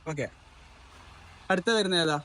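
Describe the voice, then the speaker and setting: A man's voice: high-pitched, unhurried, a bit bright, rough recording. A man with a Kerala accent hosting a casual used-car video, mixing English words into Malayalam and repeating answers back as questions. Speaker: car showroom video host. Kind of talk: casual vlog interview about used cars.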